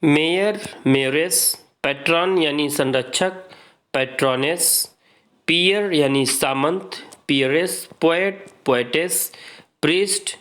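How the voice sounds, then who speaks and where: Taking it slowly, a man with an Indian accent and a voice on the high side with a fairly bright tone reads word pairs to his class. He is teaching exam-prep grammar and has the students repeat each pair.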